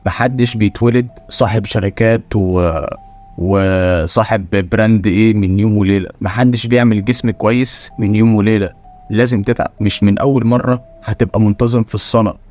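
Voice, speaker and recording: A man's voice: on the low side, darkish tone. A man with an Egyptian Arabic accent hosting a motivational channel, talking bluntly and preachily to the viewer and firing rhetorical questions.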